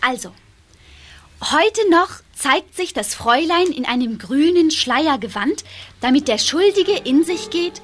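An eager, high-voiced schoolgirl. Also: animated, a little slow. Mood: excited. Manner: eager, conspiratorial chatter. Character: lively schoolgirl scheming pranks.

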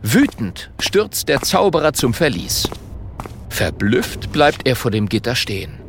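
Slow, expressive male storyteller. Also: medium pitch, a little hiss or hum. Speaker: narrator. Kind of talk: children's audiobook narration.

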